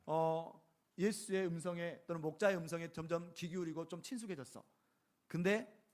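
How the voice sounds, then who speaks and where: A man with a fairly high voice preaches a sermon in an easy, conversational way, breaking off again and again to ask the congregation "right?" When he reads scripture he slows down and takes each phrase deliberately. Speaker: pastor.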